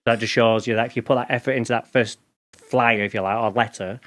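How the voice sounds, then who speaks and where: A fast-talking man in his forties from England, with a Lancashire accent, a mid-range voice, fairly even intonation and a fairly bright tone, appears as a podcast guest. In casual interview chat, he tells candid, rambling stories about his working life, often restarting.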